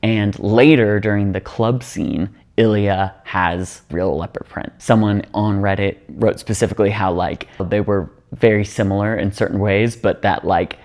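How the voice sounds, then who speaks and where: A man with a lowish voice talks through a TV series in a loose, conversational way. He fills his sentences with "like" and thinks out loud as he goes, in the easy manner of a casual video review. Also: steady tone, normal speed, few pauses. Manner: chatty, full of "like" fillers, thinks aloud. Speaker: TV show reviewer.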